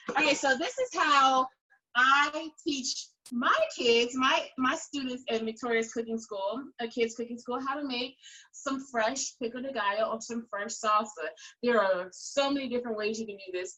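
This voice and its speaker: A woman's voice: a little high, sharp tone, rough recording. A woman cooking teacher giving children a step-by-step demonstration in an instructive, encouraging way, repeating key phrases. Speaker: kids' cooking school teacher and host.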